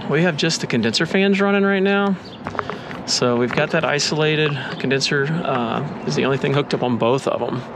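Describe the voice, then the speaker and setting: A man's voice: on the high side, normal speed, gravelly. A man working as an HVAC technician, talking aloud in a casual, blunt and wry way as he troubleshoots outdoors. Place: outdoors at a trailer's HVAC unit. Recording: loud outdoor machinery noise.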